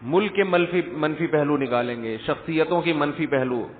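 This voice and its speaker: A man giving a Friday sermon lecture, conversational, full of rhetorical questions and light jokes, recorded in a large echoing hall through the speaker system. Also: fairly high pitch. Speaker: religious scholar. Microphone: speaker system mic. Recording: echoey hall over tinny lo-fi line.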